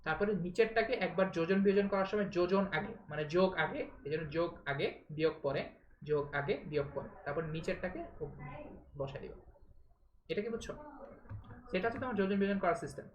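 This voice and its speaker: A woman gives a live math lesson at a quick clip, her voice sitting low for a woman. She talks informally, drops English words into her sentences and keeps checking that the students follow. The sound is roomy and echoey, with a faint hiss behind her. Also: highs cut off. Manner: mixes English words into speech. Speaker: math teacher. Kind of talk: live online class lecture.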